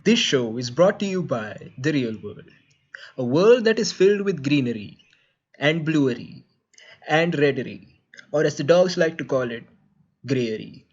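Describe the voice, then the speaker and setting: A man putting on a deep announcer voice for a mock sponsor read, in a dry, mock-solemn way. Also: expressive, unhurried, breathy edge, highs cut off.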